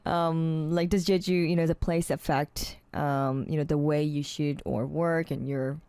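A woman hosting an interview, asking halting, casual questions full of fillers. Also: low voice, fairly even intonation, mellow, no echo. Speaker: interview host.

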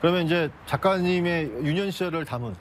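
A man's voice: fairly high pitch, fairly quick, slight background noise. A man in his forties hosting a travel show, chatting politely and exclaiming on location. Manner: friendly, exclamatory, polite questions. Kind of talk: casual on-location chat.

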